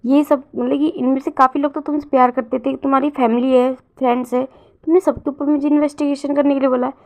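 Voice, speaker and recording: A man's voice: very high voice, level tone, fast talker, darkish tone. A woman voicing a teasing, cold-faced young man who mocks others in amusement. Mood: cool.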